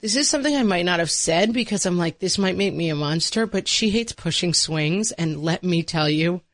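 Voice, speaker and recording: A woman's voice: fairly low pitch, animated, normal speed, no echo. Dry-sounding woman co-hosting a podcast. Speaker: podcast co-host. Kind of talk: casual chat.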